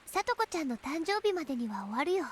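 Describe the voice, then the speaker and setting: Teenage anime game girl, high voice, quick delivery, sweet but unsettling, mysterious. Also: very animated, slight background noise. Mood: sweet, probing. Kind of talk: Japanese visual novel voice acting.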